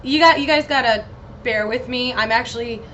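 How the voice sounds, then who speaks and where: A woman's voice: a little high, normal speed, a bit bright. An American woman hosting a solo podcast in a casual, rambling, sweary chat, giggly and scattered as if slightly loopy on painkillers. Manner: giggly, scattered, easily losing her train of thought. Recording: muffled lo-fi home recording with noticeable noise.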